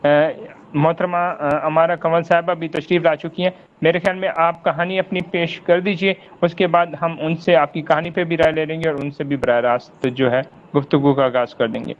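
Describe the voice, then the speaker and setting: A man's voice: on the high side, fairly even intonation. Hesitant formal male host, muffled audio. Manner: hesitant, polite, many fillers. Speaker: host of an online literary forum. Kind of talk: formal hosting.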